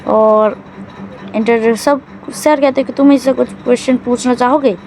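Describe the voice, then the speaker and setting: A woman's voice: on the high side, steady tone, normal speed, a little mellow, slight background noise, rough recording. A woman casually recapping a drama's plot in a loose, rambling way, often correcting herself mid-sentence.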